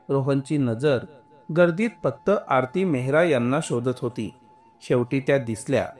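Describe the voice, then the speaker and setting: A man narrating an emotional story in a slow, earnest way. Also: medium pitch.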